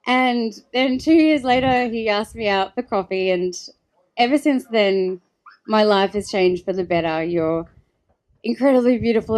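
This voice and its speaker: Emotional bride, tearful and heartfelt. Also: female voice, medium pitch, darkish tone. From Australia. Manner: heartfelt, tearful, halting with restarts. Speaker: bride giving wedding speech. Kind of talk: emotional wedding thank-you speech.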